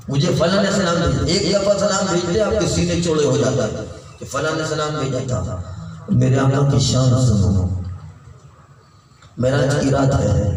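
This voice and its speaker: A man preaching an impassioned sermon, rising to shouts and sing-song cadences. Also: medium pitch. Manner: fervent, swings between shouted peaks and sing-song cadences. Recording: echoey distant hall recording with background noise.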